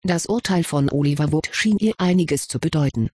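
A storybook reader with a husky, middle-pitched voice, narrating in a steady, even way. The sound is dry and close, with no room around it. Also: normal speed, no echo. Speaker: audiobook reader.

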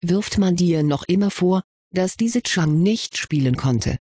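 A reader voicing a caring, teasing schoolgirl witch in an audiobook of fan fiction, speaking in a teasing, gently concerned way. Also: medium pitch, expressive, unhurried, husky, no room sound, studio quality.

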